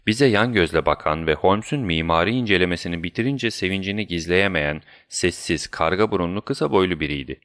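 A man reading a story aloud as narrator, with steady storytelling. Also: deep voice, brisk, few pauses, no room sound, clean studio sound. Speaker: audiobook narrator. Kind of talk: scripted narration.

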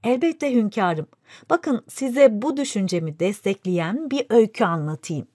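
Woman playing a male court vizier, shrewd, deferential, calm persuasive, storybook fable, dry close sound. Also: mid-range voice, a little slow, no room sound. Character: wise scheming male vizier, respectful to the sultan.

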